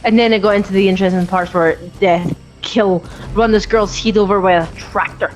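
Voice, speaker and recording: A woman's voice: medium pitch, steady tone, fairly quick, soft background music, poor audio. A woman chatting casually while playing a game, rambling and hesitant with many restarts. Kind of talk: casual chat.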